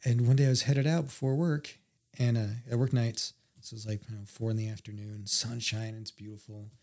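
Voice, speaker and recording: A man guest on a podcast, telling stories in a casual, animated way and acting out what people said. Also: mid-range voice, brisk. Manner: animated storyteller, acts out quotes. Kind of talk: casual storytelling conversation.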